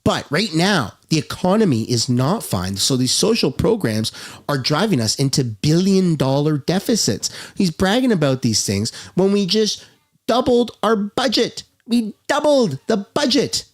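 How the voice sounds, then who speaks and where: A man's voice: sits high, big pitch swings, a little slow. A man in his thirties giving angry, sarcastic reaction commentary, swearing and switching between outbursts and mutters. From Canada. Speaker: political commentator.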